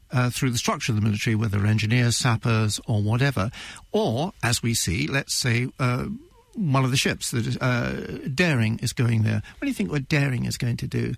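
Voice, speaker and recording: Creaky-voiced British male analyst. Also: medium pitch, no echo. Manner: rhetorical questions and tag questions. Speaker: defence analyst. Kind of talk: conversational expert commentary in a radio interview.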